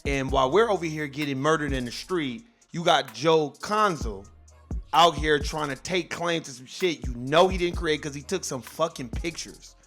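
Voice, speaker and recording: A man's voice: on the high side, normal speed, a bit bright, faint music behind. A man hosting his own channel, ranting in a heated, profane and emphatic way, with speech. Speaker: host. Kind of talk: casual rant to viewers.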